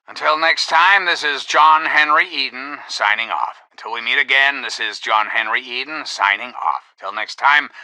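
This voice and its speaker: A male actor playing a self-styled president in a video game, a calculating artificial intelligence who speaks in formal, measured, persuasive oratory. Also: medium pitch, pushed and bright, dry recording. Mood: stately, genial. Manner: grandiose, measured, courteous, persuasive. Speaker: president addressing personnel and listeners.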